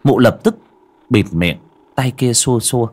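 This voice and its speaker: A man's voice: mid-range voice, lively intonation, slow pace, a little mellow. A man narrating a horror audiobook with dramatic storytelling.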